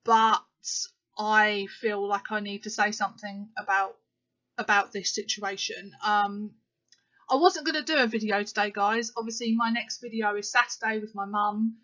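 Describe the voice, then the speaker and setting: A woman's voice: mid-range voice, steady tone, moderate pace, fairly bright tone. A woman, talking straight to camera in a casual vlog, emphatic and indignant, with plenty of fillers. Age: 30s. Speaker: vlogger. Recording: slightly muffled lo-fi recording.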